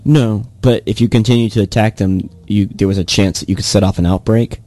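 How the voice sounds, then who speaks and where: A man's voice: lowish voice, fairly even intonation, fairly quick, mellow, no echo. A young man co-hosting a casual tech news chat, talking in a dry, hesitant way with many "uh"s. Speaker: podcast co-host.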